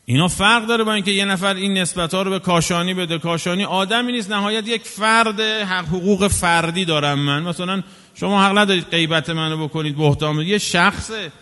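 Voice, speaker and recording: A man's voice: sits high, bright, forceful tone. A man delivering an impassioned sermon, scolding and full of rhetorical questions. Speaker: preacher. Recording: long hall reverb.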